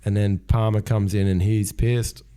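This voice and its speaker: A man's voice: fairly low pitch, level tone, normal speed, warm tone, clear, resonant tone. A man, co-hosting a podcast and chatting casually as he recaps a TV episode. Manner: laid-back, chatty storytelling with fillers. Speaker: podcast co-host. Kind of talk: casual chat recapping a TV show.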